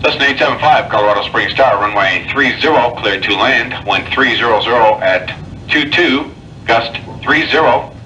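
A man's voice: mid-range voice, moderate pace. A man working as an air traffic controller, giving terse, procedural instructions over the radio and repeating key phrases. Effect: radio transmission. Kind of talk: tower radio communications. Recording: noisy, distant control tower radio tape.

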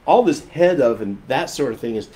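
Male pastor preaching, earnest, gets loud then soft, repeats himself a lot, average pitch. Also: animated, normal speed. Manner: earnest, emphatic, shifts often between loud and soft; repeats and restarts phrases while explaining. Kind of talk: sermon.

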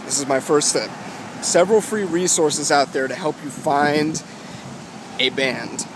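Vlogging as he strolls a city street, a twenty-something guitar vlogger offers casual, halting, emphatic advice in a slightly high voice. The phone is at arm's length and he wears wired earbuds, so the mic picks up loud wind, traffic and city ambience.

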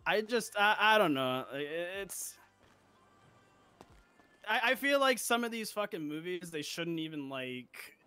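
A man in casual in-character role-play chat, halting and full of fillers, swearing offhandedly. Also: high voice, big pitch swings, sharp tone, clear, resonant tone, soft background music. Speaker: role-play player on a date.

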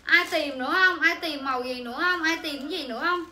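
Bright high-voiced woman selling live. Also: fast. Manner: chatty, repetitive sales patter to viewers. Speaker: livestream clothing seller. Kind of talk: livestream selling chat. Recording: echoey room with faint ambient noise.

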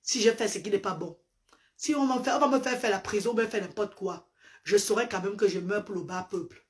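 A parent advocate who speaks Medumba hosts a fervent live stream from a sofa in a small room, filmed up close on a phone camera. Her mid-range voice moves quickly through a preacherly address packed with emphatic repetition.

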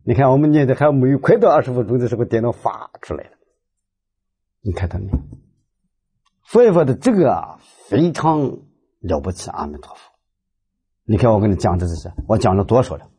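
A man's voice: mid-range voice, very animated, fairly quick, pauses often, warm tone, breathy edge. A man giving a storytelling Buddhist talk, animatedly acting out the dialogue of his stories. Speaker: lay Buddhist speaker.

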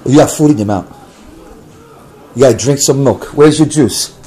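An older man, a grandfather, talking to a toddler at home in slow, coaxing baby talk. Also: mid-range voice, warm tone, slightly rough. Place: family home.

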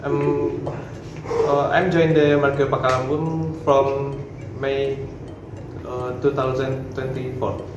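A man in his twenties from West Sumatra, introducing himself at work in halting English. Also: medium pitch, level tone, background noise. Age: 20s. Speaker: hotel staff. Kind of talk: casual self-introduction in English. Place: small hotel meeting room. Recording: echoey room, voice from far off, music behind.

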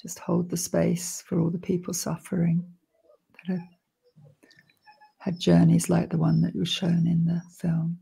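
An older woman hosts an online premiere from a room at home over a video call. Her low voice is deeply gravelly with heavy fry. She speaks gently and measuredly, pausing often between phrases. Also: monotone. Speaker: event host. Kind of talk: hosting an online film premiere. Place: room indoors.

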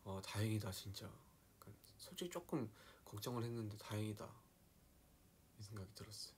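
A soft-spoken young man chatting casually on a live stream, slipping into quiet asides and playful dialect impressions. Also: lowish voice, fairly quick, slight background noise.

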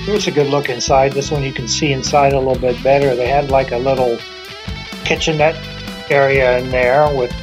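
Music runs behind a low-quality recording of a middle-aged man whose mid-range voice keeps a fairly even intonation at normal speed. He's an urban explorer vlogger narrating a casual walk around an abandoned motel in the snow, chatty, enthusiastic and full of wandering asides, speaking into a handheld camera at arm's length.

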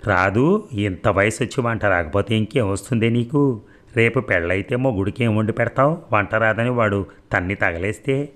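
A man's voice: on the low side, normal speed, a bit bright, lightly acted. A man reading the part of a nosy, blunt older village woman who fires off prying questions in a storybook. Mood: scolding.

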